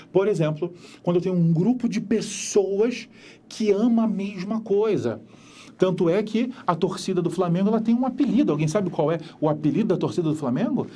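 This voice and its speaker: A man's voice: high voice, mellow. A man with a Carioca accent teaching a geography lecture in a conversational way, asking rhetorical questions as he explains. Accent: Carioca Brazilian Portuguese. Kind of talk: recorded lecture.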